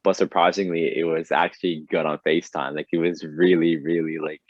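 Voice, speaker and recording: A young man co-hosting a casual podcast, with a very low, deep voice that gets excitable and breaks into laughter. He rambles and restarts his sentences. The sound is dry and dull, like a lo-fi recording. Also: brisk, no echo. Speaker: podcast co-host. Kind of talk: casual chat.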